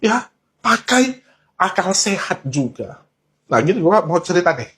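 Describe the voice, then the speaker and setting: A man's voice: high-pitched, big pitch swings, measured pace, a bit bright. A man telling a warning story to his viewers in an urgent, emphatic way, mixing casual slang into his talk. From Indonesia. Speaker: online talk host. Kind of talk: earnest warning monologue.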